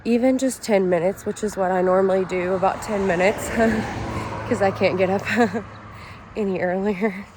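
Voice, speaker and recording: A woman vlogger talks casually in a slightly raspy voice, at a middling pitch. She rambles through friendly asides, and there is clear ambient noise behind her. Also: steady tone, a little slow. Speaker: vlogger hosting a week-in-my-life video. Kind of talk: casual chat to camera.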